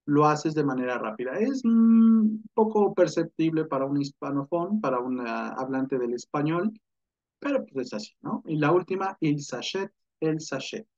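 A man's voice: fairly high pitch, expressive, normal speed, darkish tone. Man teaching French verbs, lo-fi. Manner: patient explaining, checks in with rhetorical questions. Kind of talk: online language lesson. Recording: dull lo-fi sound.

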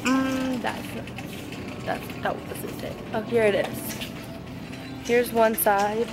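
A young woman chats her way through a big supermarket aisle, recorded on a handheld camera. She is talkative and quick to be grossed out. Music plays clearly in the background. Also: on the high side, fairly even intonation. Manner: chatty, easily grossed out. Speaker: vlogger. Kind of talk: casual vlog chat. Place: large supermarket, indoors.

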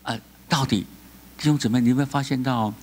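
A man with a Taiwanese Mandarin accent preaching a sermon as pastor, animated, often laughing and prompting the congregation to answer. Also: mid-range voice, fast, slightly rough. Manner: animated, asks the congregation call-and-response questions; laughs often between remarks.

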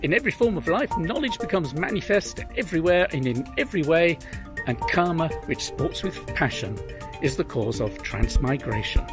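An older British man narrates his travel vlog, speaking wryly and chattily to a camera held at arm's length. His voice sits a little high and moves lively up and down. Music plays clearly under him. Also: moderate pace. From Britain. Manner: wry, chatty storytelling with dry asides. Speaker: travel vlogger. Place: outdoors at historic sites and in a car.

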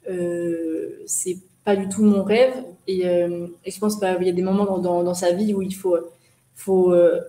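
A woman in her twenties from France, a guest entrepreneur answering interview questions over a video call in a hesitant way, with many pauses. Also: lowish voice, mellow, reverberant. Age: 20s. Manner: hesitant, many fillers and restarts. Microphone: shared webcam on video call.

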